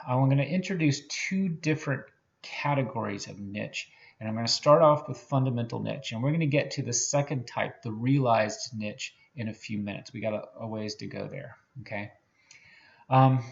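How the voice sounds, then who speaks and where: A man's voice: medium pitch, vocal fry, dull audio. A man teaching a recorded biology lecture in a conversational way, with many fillers and restarts, often checking in with "okay?". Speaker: biology professor.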